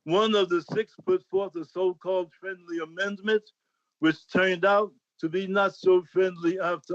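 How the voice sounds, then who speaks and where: A man giving a public comment over a bad video call connection, reading a prepared statement slowly and deliberately. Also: high voice. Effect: bad connection, audio breaking up. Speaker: public commenter, senior advocate. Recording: muffled, breaking-up video call audio.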